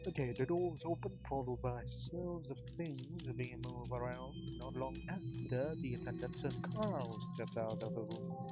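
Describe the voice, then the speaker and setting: A man's voice: medium pitch, a little slow, few pauses, over loud music, poor audio. Man casually reading a mystery game aloud. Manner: swears offhandedly, muttered asides.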